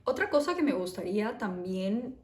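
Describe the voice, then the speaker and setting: A woman's voice: medium pitch, big pitch swings, normal speed, darkish tone, reverberant. A woman from Peru with a Peruvian Spanish accent, talking in a casual, reflective personal vlog and often adding "¿no?" to her phrases. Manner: chatty, reflective, tags phrases with "¿no?". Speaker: vlogger.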